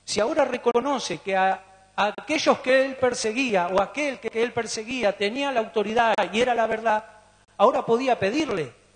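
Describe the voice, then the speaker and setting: Man, Rioplatense accent, pastor, sermon, high voice, reverberant church hall. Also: normal speed. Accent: Rioplatense Spanish. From Argentina. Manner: preaching with rhetorical questions to the congregation.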